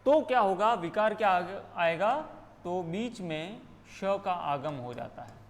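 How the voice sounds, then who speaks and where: A man's voice: high-pitched, lively intonation, unhurried, in a large hall, slight background noise. A man with a Rajasthani accent teaching a grammar lesson, explaining step by step and asking and answering his own questions.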